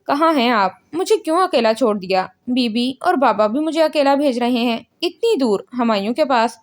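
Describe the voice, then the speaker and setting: A woman's voice: sits high, expressive. Woman reading a tearful lonely young woman. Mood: weepy. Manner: weepy, plaintive.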